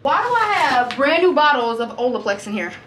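A woman's voice: sits high, big pitch swings, fairly quick, a bit bright, a little hiss or hum. A young woman chatting animatedly through a home vlog in her apartment, often laughing, filmed by a camera at a distance. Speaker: lifestyle vlogger. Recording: roomy echo, away from the mic.

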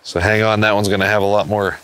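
A man guiding on a river, giving short, quiet coaching remarks during the catch. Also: lowish voice, little pitch movement, fast talker, smooth. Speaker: fishing guide. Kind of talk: casual talk while fishing. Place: outdoors on a river.

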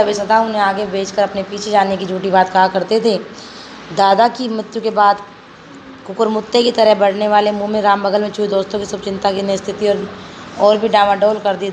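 A woman teacher reading a textbook story aloud for a class, in a steady manner with frequent slips and self-corrections. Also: medium pitch, slight background noise, poor audio.

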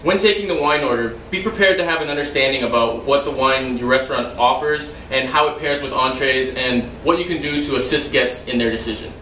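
A young man with a medium-pitched voice trains people in restaurant wine service, talking briskly with few pauses and some loose asides in a steady, explanatory way. The demonstration takes place indoors in a house's dining room, picked up by a far-off camera with no visible mic, so there's a roomy echo and a little hiss or hum.

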